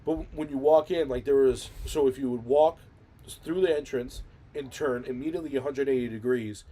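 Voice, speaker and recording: A man with a mellow, darker voice co-hosts a casual talk show. He rambles through his stories, full of fillers and restarts. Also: mid-range voice, fairly quick. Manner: rambling, many fillers and self-corrections. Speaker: podcast co-host. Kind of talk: casual chat.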